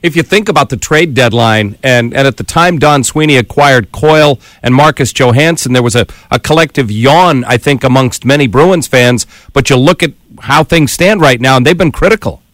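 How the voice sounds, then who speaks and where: A man hosting a sports radio show, laying out points in a steady, explanatory way. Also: mid-range voice, moderate pace, hardly any pauses, no room sound. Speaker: radio host.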